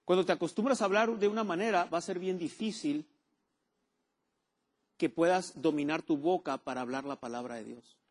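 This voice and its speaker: A man's voice: on the high side, moderate pace. A man preaching a sermon, repeating key words and asking the congregation for amens. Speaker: pastor.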